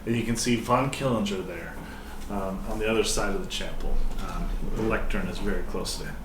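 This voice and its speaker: A man working as game master, improvising horror narration in an informal, halting way. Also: on the low side. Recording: roomy, distant mic, faint noise.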